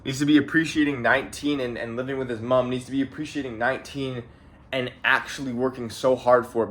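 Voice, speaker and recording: His medium-pitched voice is bright and forceful as this late-teen Canadian vlogger addresses the camera from home. The young adult man rambles through a motivational monologue, casual and full of profanity, with frequent repeated phrases and plenty of "bro."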